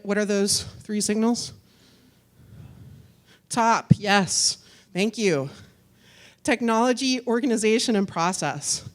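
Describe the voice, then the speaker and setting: A woman giving a casual, chatty conference talk and answering questions, playing to the audience. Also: mid-range voice. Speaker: conference speaker. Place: conference hall.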